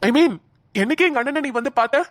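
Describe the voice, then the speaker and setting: A woman voicing a cheerful young police trainee in a cartoon, breezy and excitable. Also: very high voice, fast, no room sound, studio quality. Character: young male police trainee, cheerful, devoted to his wife. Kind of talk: cartoon dialogue.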